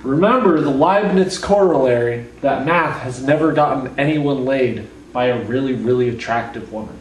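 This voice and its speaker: Young guy, hungover, deadpan casual lecture, bit far from mic, faint noise in the background. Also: medium pitch, moderate pace, reverberant. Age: young adult. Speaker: calculus lecturer. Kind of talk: casual whiteboard lecture with joking asides. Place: living room at home, indoors. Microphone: camera mic from a few feet away.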